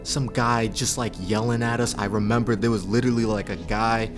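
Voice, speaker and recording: A man's voice: lowish voice, fairly quick, music in the background. A man telling a spooky story in a casual, rambling, jokey way in a community TV studio, filling his talk with "like". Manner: rambling, lots of "like", animated and jokey.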